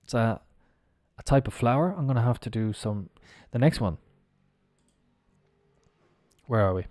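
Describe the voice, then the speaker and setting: A man's voice: mid-range voice, animated, measured pace, a little mellow, no room sound. A man teaching English pronunciation on a live stream, spelling words out letter by letter and chatting casually as he goes.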